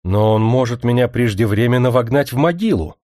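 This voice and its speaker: A man's voice: medium pitch, normal speed, darkish tone, no echo, clean studio sound, close to an everyday voice. A man voicing a proud young princess in a spoken story, pleading and indignant by turns.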